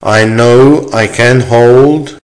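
A man reading an English-lesson dictation aloud in short, deliberate, carefully measured phrases, repeating them and speaking the punctuation. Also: mid-range voice, low-quality recording. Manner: deliberate, measured enunciation with pauses. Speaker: language teacher reading dictation.

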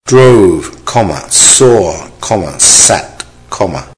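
A man reading a dictation exercise, saying each phrase three times in a measured, deliberate way and speaking the punctuation aloud. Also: deep voice, expressive. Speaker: dictation reader. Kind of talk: slow repeated dictation with spoken punctuation.

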